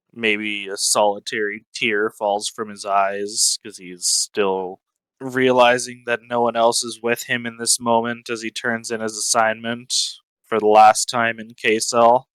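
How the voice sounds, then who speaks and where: A man narrates his character's story in a tabletop game. His voice is lowish and clear, and he takes his time with deliberate, dramatic pauses. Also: little pitch movement, a bit bright, dry recording, poor audio. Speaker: tabletop role-play player.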